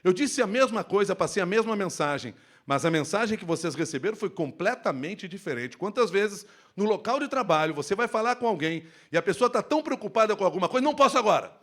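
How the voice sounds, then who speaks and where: A man speaking on stage at a workplace safety event, giving an expressive live lecture into a handheld microphone. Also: high-pitched, brisk, hardly any pauses. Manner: animated, expressive, shifts tone to demonstrate.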